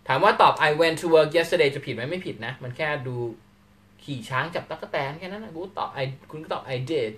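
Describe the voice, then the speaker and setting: A man from Thailand giving a live English lesson in a slightly higher-than-average voice. He talks animatedly and acts out quick little question-and-answer exchanges for the class. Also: expressive, sharp tone. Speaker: English teacher.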